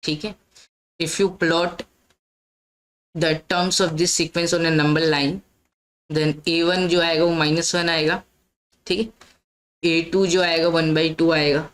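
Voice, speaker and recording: A woman's voice: low-pitched, little pitch movement, slow, long pauses, low-quality recording. A woman teaching a maths lesson, explaining step by step and often checking in with her listeners. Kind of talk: lecture mixing Hindi and English.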